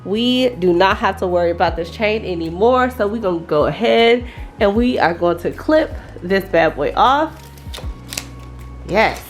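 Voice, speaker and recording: A woman's voice: mid-range voice, animated, unhurried, soft background music. A young adult woman chatting to camera in a casual vlog update, upbeat and encouraging, with a stuffy nose. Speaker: vlogger.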